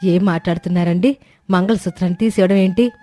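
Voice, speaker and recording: A woman's voice: fairly low pitch, fairly even intonation, fast, warm tone, soft background music, lightly acted. A woman voicing a long-suffering, devoted wife and mother who pleads with her drunk husband. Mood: pleading.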